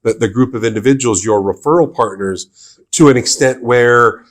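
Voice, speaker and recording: A man hosting a relaxed podcast, his pitch mid-range for a man. He backs up his guest with quick agreement, then expands on her ideas in an easy conversational flow. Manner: affirming, frequent agreeing interjections. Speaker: podcast host.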